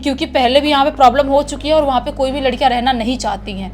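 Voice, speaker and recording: A woman's voice: sits high, steady tone, rapid-fire, soft background music, close to an everyday voice. A woman voicing a caring middle-aged female hostel warden. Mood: concerned.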